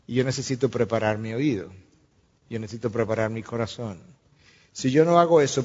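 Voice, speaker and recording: Preaching man in a reverberant hall. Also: on the high side. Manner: earnest, teaching with illustrations and rhetorical questions. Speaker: pastor. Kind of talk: sermon. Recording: reverberant hall, dull lo-fi sound.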